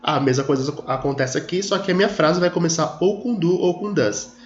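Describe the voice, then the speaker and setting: A man with a fairly high voice, speaking a little fast, teaches an English grammar lesson in a screen recording. He explains patiently, stretches out his example sentences and checks in with his students. The audio is dull and lo-fi, from an echoey room.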